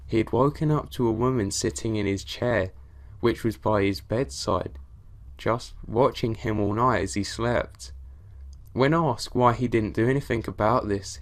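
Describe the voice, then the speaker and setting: A man reading out scripted horror stories in a steady, even storytelling delivery. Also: fairly low pitch. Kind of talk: scripted narration of reader stories.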